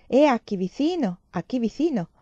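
Woman putting on a shy young spanish girl, a bit raised and louder, lo-fi sound. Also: a little high, very animated, moderate pace, no echo, voice pushed up. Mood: insistent.

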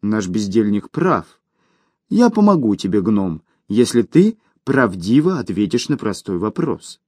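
A man doing a calm invisible spirit. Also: fairly low pitch, a little slow, no echo, clean studio sound, voice pushed down. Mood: mocking. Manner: calm, serious, dryly mocking. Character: invisible male dungeon spirit, dry dark humor.

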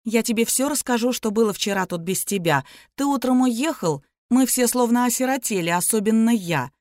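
A woman reading a sly, capricious young woman who talks sleepy and tender or sharp and snappish. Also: a little high, expressive, moderate pace, no room sound, studio quality, lightly acted. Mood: soothing.

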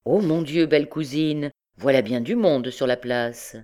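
Un jeune capitaine beau parleur et fuyant, joué par une femme, qui répond d'un ton désinvolte. La voix est à peine plus grave et plus lente que celle de la lectrice, dans un livre audio. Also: female voice, a bass voice, unhurried, warm tone. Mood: evasive. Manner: offhand, evasive. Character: young male army captain, evasive and glib.

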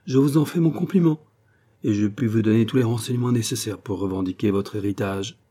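A man's voice: fairly quick, dark tone, natural voice. A man voicing a theatrical, worldly aging adventurer who speaks in a grand, stagey manner. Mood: grandiose. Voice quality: booming theatrical delivery.

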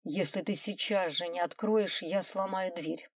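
A woman's voice: medium pitch, a little slow, dark tone, no room sound, studio quality, natural voice. A woman playing an urgent, pleading husband. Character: loving husband, pleading and determined.

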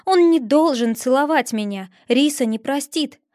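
A woman's voice: high-pitched, expressive, normal speed, a little mellow, dry recording, studio quality. Woman narrating a novel in first person. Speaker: audiobook narrator.

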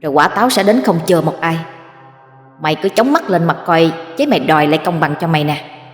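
A woman doing a brash ghost who acts as a big sister, scolding and bossy in a spoken horror tale. The voice is a bit low and comes out louder and pushier than the narration, with faint music behind. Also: quick pace, reverberant, big-room sound, lightly acted. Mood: scornful.

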